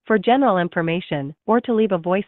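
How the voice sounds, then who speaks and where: A woman's recorded automated phone menu message, announcing options slowly and politely, heard through a phone call. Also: medium pitch, no echo. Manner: slow, measured, polite announcing. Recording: tinny dry phone line.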